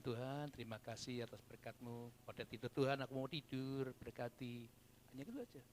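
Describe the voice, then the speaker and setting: A man preaching a sermon at a church service, dropping to soft murmurs and rising to loud fervent shouts. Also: mid-range voice, a little hiss or hum. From Indonesia. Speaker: pastor.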